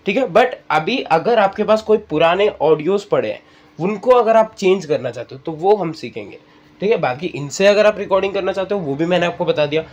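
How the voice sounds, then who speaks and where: This tutorial host, a man with an Indian accent and a slightly high-set voice, keeps things casual and explains every step in a conversational way, pausing often to check in with whoever is listening.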